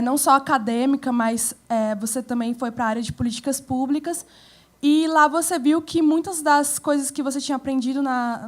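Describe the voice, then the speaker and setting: Woman from Brazil's Northeast, fairly high voice. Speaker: student asking a question. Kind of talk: audience question.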